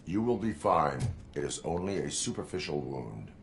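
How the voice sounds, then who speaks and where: Deep, flat cyborg cop. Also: male voice, vocal fry, background noise, heavily acted. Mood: calm command. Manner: flat, measured, commanding. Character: stern male cyborg police officer. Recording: game audio over music.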